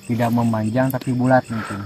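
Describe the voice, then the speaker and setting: A man's voice: medium pitch, little pitch movement, a little fast. A man hosting a night exploration vlog, asking questions casually and somewhat hesitantly outdoors. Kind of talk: casual on-location interviewing. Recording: night outdoor ambience with insect noise.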